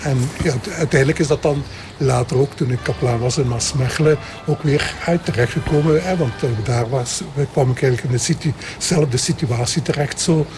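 A man's voice: medium pitch, a little fast, music in the background. An older Belgian man in his seventies with a Limburg accent, speaking hesitantly as a parish priest answering interview questions. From Belgian Limburg, Flanders. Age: 70s. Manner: hesitant, repeats himself.

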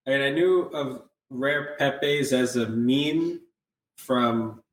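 A man guest, an archivist and software developer, speaking in a measured, thoughtful way. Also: mid-range voice, recorded from a distance. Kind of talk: casual panel chat. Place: shared room with other guests. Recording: echoey room, off-mic.

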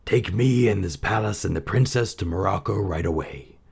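A man's voice: deep voice, moderate pace, gravelly, darkish tone, slightly rough, heavily acted. A man playing a scheming sorcerer. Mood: commanding. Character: scheming male sorcerer disguised as old man.

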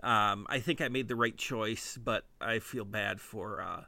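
A man's voice: on the low side, a little slow, creaky, pushed and bright, dry recording. A man with a Midwestern accent, hosting a podcast and telling a casual comedic monologue, often breaking into giggles at his own puns. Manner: giggly, self-amused punning. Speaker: podcast host.

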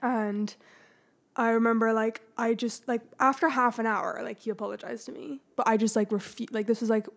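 A young woman hosting a podcast, chatting casually and telling animated stories full of fillers. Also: on the high side, moderate pace, creaky. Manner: animated storytelling, many fillers. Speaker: podcast host. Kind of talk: casual chat.

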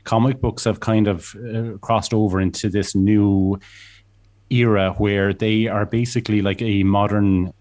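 A man's voice: lowish voice, steady tone, a little slow, darkish tone. A man with an Irish Midlands accent, chatting casually as a podcast co-host.

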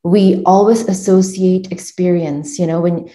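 A woman's voice: lowish voice, steady tone, measured pace. A woman hosting a podcast interview, introducing her guest formally and asking follow-up questions. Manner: warm formal hosting, frequent backchannel mm-hmms. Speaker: podcast host.

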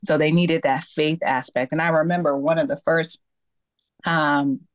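A woman's voice: low-pitched, steady tone, unhurried, no echo. A woman guest on an interview show, telling her personal faith story in an earnest, storytelling way. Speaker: guest, accountability coach. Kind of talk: personal testimony in a podcast interview.

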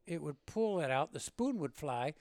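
A gravelly, fairly high-pitched man in his seventies tells his war story in an interview, rambling and animated. He is from Illinois. His voice is recorded close and dry. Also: normal speed, no room sound. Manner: rambling and animated, with laughs and acted-out quotes. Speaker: veteran interviewee. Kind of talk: oral-history storytelling.

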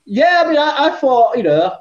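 Very high-pitched and very animated, this Yorkshire-accented man talks at a moderate pace, rambling through a casual podcast chat full of fillers and a swear word here and there. His earbud mic is dull and lo-fi, and the room echoes.

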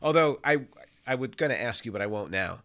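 A man's voice: medium pitch, expressive, a little fast, pushed and bright, clear, resonant tone. A man co-hosting a casual film review podcast, teasing his partner and laughing often. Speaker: podcast co-host.

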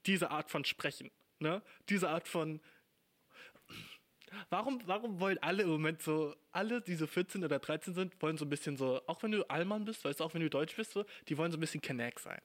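A young German man in his twenties hosts a podcast solo, rambling through a casual monologue packed with swearing and slang. His voice is fairly high-pitched and a little fast.

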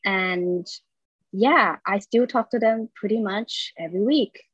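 A woman's voice: medium pitch, unhurried, fairly bright tone, slightly rough, dry recording. Chatty young woman from Thailand, dry sound. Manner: chatty and upbeat, laughs between stories. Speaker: podcast guest. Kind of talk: casual interview chat. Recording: slightly dull dry sound.

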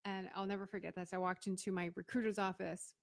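In a casual interview full of stories, a guest who is a Florida business owner and veteran talks fast in a mid-range, level voice with vocal fry. The middle-aged woman is chatty and voices the people she quotes, and the recording has no room sound.

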